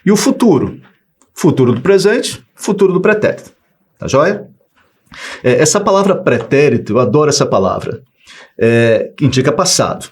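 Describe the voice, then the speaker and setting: A Brazilian man teaching Portuguese grammar in an exam-prep video lesson, joking and acting out example phrases. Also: on the high side.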